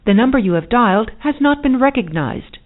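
A woman's recorded phone message, speaking as an automated operator in a formal, measured, polite way. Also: a little high, animated. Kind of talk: formal scripted announcement. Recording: tinny phone line from far off.

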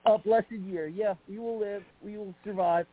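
A man's voice: sits high, steady tone, normal speed. A man calling in to a radio show over a phone line, rambling and scattered, swearing casually. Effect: heard over a phone line into a radio show. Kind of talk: casual call-in chat.

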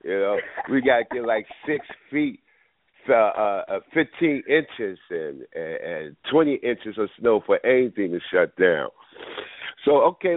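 Heard over a dry, tinny phone line with no room sound, a man with a mid-range voice hosts a call-in radio show. He's fighting a cold and rambles casually, thinking aloud with plenty of fillers.

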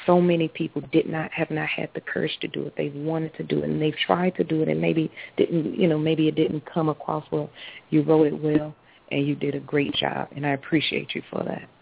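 Husky woman caller on a phone line. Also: deep voice, level tone, brisk. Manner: emphatic and repetitive, stacks up affirmations. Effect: phone line into a radio show. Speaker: radio show caller. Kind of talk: casual call-in chat.

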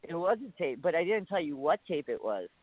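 A man's voice: a little high, big pitch swings, a little fast, no echo. A stoned man chatting casually as an interview guest, rambling and sweary with plenty of slang. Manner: slangy, sweary, says "dude" often. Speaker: interview guest, touring musician. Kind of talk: casual profane podcast chat. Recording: tinny phone-line sound.

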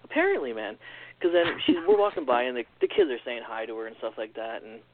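A man telling a strange personal story in a casual, animated way, acting out what others said, on a phone-like recording. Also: mid-range voice, a little hiss or hum. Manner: animated, quick storyteller acting out quoted lines. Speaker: podcast guest. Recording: tinny phone-like line.

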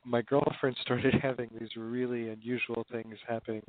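A man's voice: mid-range voice, little pitch movement, normal speed, no room sound. A man calls in over a crackly phone line full of static. The sound is tinny and dry, with no room around it. He tells his story casually and hesitantly, restarting his sentences. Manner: hesitant, with many restarts and fillers. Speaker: phone-in guest. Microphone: telephone.

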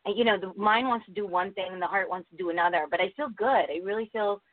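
A woman calling in to a radio show over the phone, lively and bubbly as she talks. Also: mid-range voice, quick pace, no room sound. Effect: tinny phone line. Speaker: radio call-in caller. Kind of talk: casual call-in chat. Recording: tinny dry phone line.

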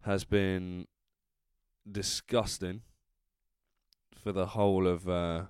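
Drunk, rambling Englishman with low clear voice. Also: little pitch movement, takes it slowly, a little mellow, no room sound, studio quality. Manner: rambling, trailing off, self-interrupting. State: drunk, tipsy. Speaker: podcast host. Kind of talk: casual solo podcast chat.

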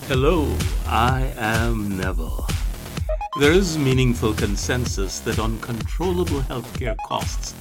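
Slow, formal male radio host. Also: mid-range voice, lively intonation, music in the background. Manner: slow, deliberate, formal delivery. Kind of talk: scripted introduction and interview.

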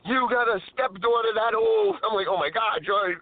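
This caller speaks in a high voice at an ordinary pace, phoning a live show through his car speakerphone on the road. He's a rambling storyteller who constantly cuts in on himself with mid-sentence corrections, and the line sounds dry and tinny.

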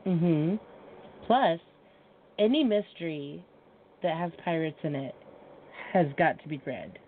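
A woman co-hosts with a playful, enthusiastic manner, her voice swinging widely in pitch while she talks at an unhurried pace. The line sounds phone-like, with faint noise behind her. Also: lively intonation. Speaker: co-host. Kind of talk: casual chat.

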